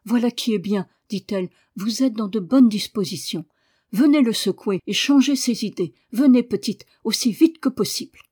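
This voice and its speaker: A woman's voice: a little high, moderate pace, dark tone, slightly rough. A woman reading an audiobook voices an anxious nurse who coaxes and urges. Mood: coaxing. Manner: coaxing, urging.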